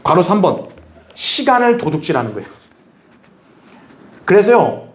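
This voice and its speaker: A man pastor teaching a Bible study, animated, asking the congregation questions and acting out what others might say. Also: high voice, moderate pace. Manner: animated, acts out others' remarks in a raised voice; asks the audience questions. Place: church hall.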